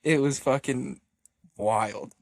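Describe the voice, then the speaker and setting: Casual storytelling from a man of middling pitch who gets animated, laughs through his tale and acts out each quoted line. He swears freely as he talks. The sound is close and dry, with no room around his voice. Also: slow, gravelly, no echo. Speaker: running team member telling a story.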